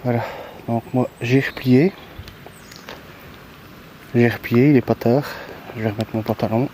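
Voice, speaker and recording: A man's voice: mid-range voice, steady tone, measured pace, warm tone, a little hiss or hum, rough recording. A man talking casually outdoors by the water after a fishing trip, rambling with many hesitations and a resigned tone. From Belgium. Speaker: fishing vlogger.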